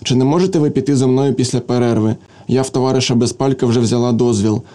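A man reading a story aloud, voicing a plain, quiet young woman typist who speaks timidly and awkwardly. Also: mid-range voice, fast, lightly acted. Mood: shy.

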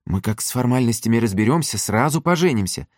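A man's voice: medium pitch, animated, fairly quick, darkish tone, no room sound, clean studio sound, voice pushed up, lightly acted. A man reading a timid young clerk. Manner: timid, polite. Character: timid, polite young clerk, soft-spoken.

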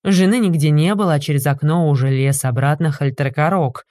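A woman narrating an audiobook in a lively, mocking manner. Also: deep voice, brisk, dry recording, studio quality.

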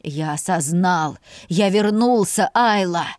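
A woman's voice: lowish voice, slow, darkish tone, no echo, studio quality. Woman voicing a trembling remorseful older man. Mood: pleading.

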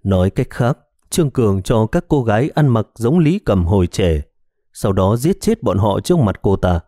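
A man narrating a horror detective story in a scripted, expressive storytelling manner on a close mic. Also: on the low side, moderate pace, no room sound. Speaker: audiobook narrator.

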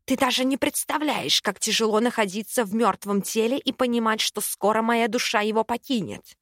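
A woman's voice: on the high side, moderate pace, fairly bright tone, no room sound, clean studio sound, close to an everyday voice. A woman voicing a wronged young witch who pleads in a sorrowful voice. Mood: pleading.

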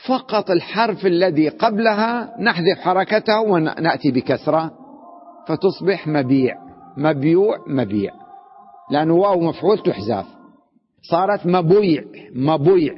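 A man teaches a grammar lesson, his husky voice sitting a little high. He puts questions to the class, answers them himself and repeats words to drive each point home. The recording is dull and lo-fi, with a long reverb from a hall. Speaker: sheikh teaching Arabic grammar.

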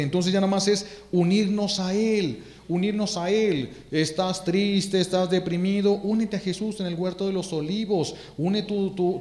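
A priest giving a fervent sermon, repeating phrases for emphasis. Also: male voice, high voice, darkish tone, echoey room.

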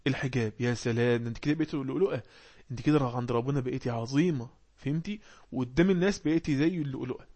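A man with an Egyptian Arabic accent teaches an English class, talking quickly and firing questions at his students. He reads English passages slowly, then explains each word. His pitch sits in the middle range. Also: warm tone. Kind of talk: online class for learners.

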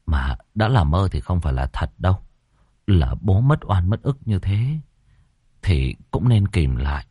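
A man's voice: sits low, very animated, unhurried, dark tone, breathy edge, no echo, exaggerated voice. A man voicing a worried adult son who pleads with and comforts his mother in a ghost story. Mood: uneasy.

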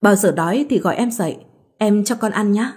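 A woman's voice: medium pitch, fairly quick, darkish tone, breathy edge, close to an everyday voice. A woman voicing an emotional, sulky young new mother in a storybook reading, with a pouting, tearful way of talking. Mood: affectionate.

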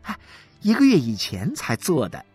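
A woman's voice: extremely low pitch, huge pitch swings, moderate pace, a little mellow, slightly rough, soft background music, voice pushed down, heavily acted. A woman voicing a smug, chatty wife who gloats and scatters sighing fillers through her talk. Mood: gloating. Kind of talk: dramatic reading.

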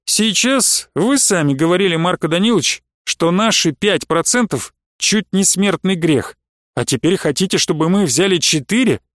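A man voicing a calm, firm younger merchant who will not budge on price. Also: high voice, normal speed, no room sound, studio quality. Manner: calm, steady, firm refusals.

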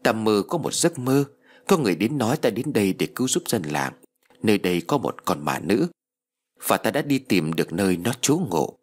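A man voicing a kindly, wise old sorcerer in a read-aloud ghost story, speaking slowly and gently with a husky voice. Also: fairly low pitch, very animated. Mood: calm. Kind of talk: storybook reading.

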